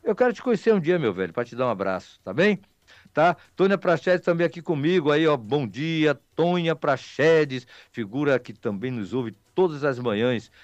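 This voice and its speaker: Animated and pitched on the high side, a Bahian-accented Brazilian man chats informally with his local radio audience at normal speed, rambling and teasing in a folksy style. There's no echo, though the audio sounds muffled.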